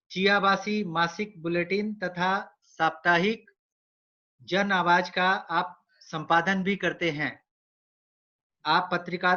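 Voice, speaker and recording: A man hosting an online literary event, introducing poets with measured, formal announcing. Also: high voice, bright, forceful tone. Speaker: host. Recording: dull lo-fi online audio.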